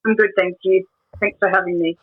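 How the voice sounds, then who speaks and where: This interview guest is an Australian woman in her twenties telling casual stories in a middle-range voice with fairly even intonation and a breathy edge. She sounds hesitant, stopping and restarting often with lots of ums. The audio is narrow and tinny, like a phone call.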